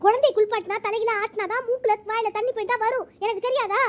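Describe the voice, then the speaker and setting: A woman's voice: extremely high pitch, fairly even intonation, quick pace. A woman voicing a bossy older village mother-in-law in a cartoon, always scolding. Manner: scolding, domineering. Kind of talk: cartoon voice acting.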